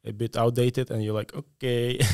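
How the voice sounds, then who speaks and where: Man in his thirties from Latvia, podcast guest, flat low voice, dry studio sound, halting delivery. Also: no echo. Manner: hesitant, many fillers. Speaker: guest, AI consultant. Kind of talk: casual podcast interview. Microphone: studio mic on a stand.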